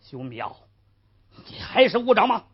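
A woman's voice: medium pitch, big pitch swings, normal speed, breathy edge. A woman storyteller voicing a cruel, haughty male magistrate who barks commands, on a lo-fi old recording. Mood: cold, commanding. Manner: barking commands, sneering. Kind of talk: traditional storytelling.

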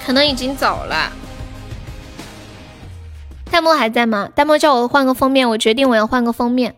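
A woman's voice: sits high, expressive, normal speed, a bit bright. A woman hosting a livestream, chatting casually and playfully with viewers. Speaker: livestream host. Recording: music playing behind the voice.

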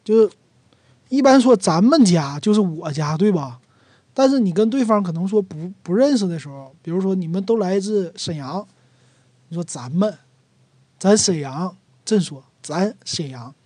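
A speaker from Northeast China, explaining dialect words in a chatty Northeastern Mandarin accent at an ordinary, middle pitch. The sound is close and dry, with almost no room around the voice. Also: lively intonation, normal speed, warm tone, slightly rough, no echo. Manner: chatty, acts out everyday sample phrases. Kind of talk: casual explanatory talk.

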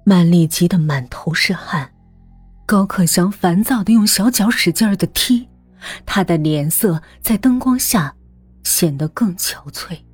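A woman reading a suspense story aloud, measured and hushed, sometimes dropping almost to a whisper. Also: fairly low pitch, animated, breathy edge, dry recording, faint music behind. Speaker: narrator. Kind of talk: scripted audiobook narration.

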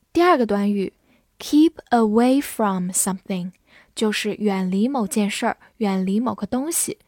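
Slow, clear woman teaching vocabulary. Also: fairly high pitch, darkish tone, no room sound, clean studio sound. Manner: spells words letter by letter, reads slowly for repeating. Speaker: English teacher. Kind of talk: vocabulary lesson.

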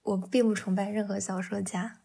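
A woman's voice: mid-range voice, level tone, a little fast, creaky, warm tone, breathy edge. A woman novelist talking candidly and reflectively in a casual podcast conversation, with a laugh here and there between thoughts. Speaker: novelist guest.

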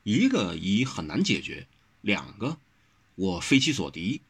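A man doing a calm young swordsman, Wang Xiaoshi. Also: lowish voice, husky, exaggerated voice. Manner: measured and explaining.

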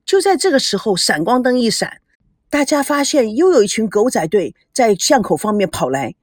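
Woman narrator for a dramatic audiobook, lively, expressive, fairly high voice. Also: normal speed, no room sound, studio quality.

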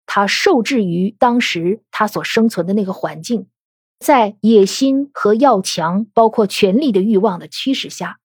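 A woman hosting a podcast, giving a scripted explanatory talk in a steady storytelling way, posing questions and then answering them. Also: medium pitch, breathy edge, dry recording, clean studio sound. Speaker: podcast host.

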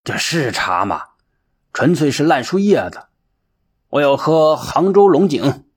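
A man's voice: medium pitch, lively intonation, unhurried, husky. A man voicing a demanding, imperious old male wandering monk who scolds and barks orders. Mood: scolding.

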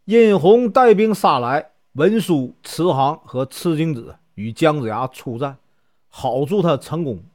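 A male storyteller with a Northeastern Mandarin accent narrates a classical epic, his pitch swinging widely through the telling. He sits somewhat high for a man and drags out the particles at the ends of his sentences. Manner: lively, drawn-out particles.

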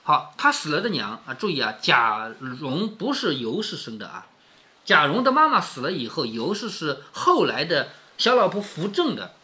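A man's voice: a little high, sing-song, normal speed, sharp tone. A man reading a classic novel aloud and commenting on it in a conversational way, often tossing in rhetorical tag questions.

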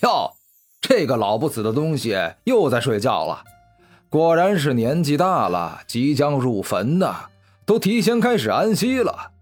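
A man's voice: medium pitch, sing-song, unhurried, soft background music. A man doing a sneering rich bully. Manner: sneering, insolent. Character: arrogant rich young man, mocking bully.

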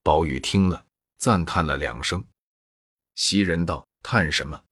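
Male narrator for a classical novel, deep and husky, steady, in a dry booth. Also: measured pace, dry recording. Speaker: audiobook narrator. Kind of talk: reading a classical novel aloud.

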